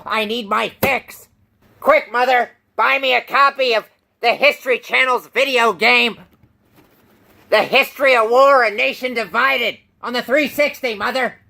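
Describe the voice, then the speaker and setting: A man's voice: gravelly, sharp tone, exaggerated voice. A man voicing a whiny adult gamer who shrilly demands things from his mother. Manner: shrill, demanding, petulant whining.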